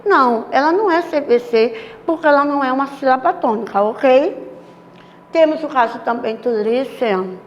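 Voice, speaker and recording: High-voiced woman teacher, echoey room. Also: lo-fi sound. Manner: patient, explanatory, checks in with frequent tag questions; affectionate toward students. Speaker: English teacher. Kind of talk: recorded online class lesson. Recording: echoey room with faint background noise.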